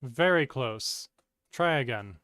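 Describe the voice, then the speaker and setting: A man with a smooth, crisp voice gives short, patient instructions in a calm, steady way. He sounds like a streamer coaching someone through a task. The sound is dry and close, with no room echo. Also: medium pitch, takes it slowly.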